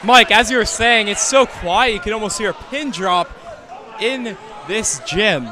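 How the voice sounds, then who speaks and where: A man giving live basketball color commentary in a crowded school gym, chiming in with short analysis shouted over the crowd. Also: sits high, unhurried, a little hiss or hum. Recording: loud gym crowd behind.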